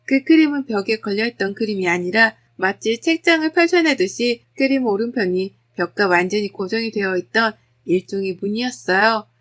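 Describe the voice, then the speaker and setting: A woman narrating a scripted first-person story in a steady, polite storytelling read. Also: fairly high pitch.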